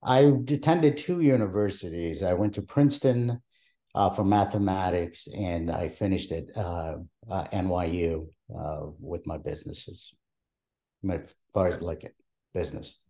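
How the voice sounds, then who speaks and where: An older man from Palestine, answering oral history interview questions in a measured way with many hesitations. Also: low voice, dark tone. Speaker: interviewee, archive creator.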